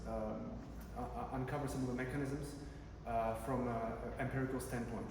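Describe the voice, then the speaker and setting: A Czech man, a PhD researcher, presents at an academic conference in a large room, speaking conversationally with lots of fillers and restarts. His voice is medium in pitch with a level tone and moderate pace. The recording is distant and echoey, picking up room noise.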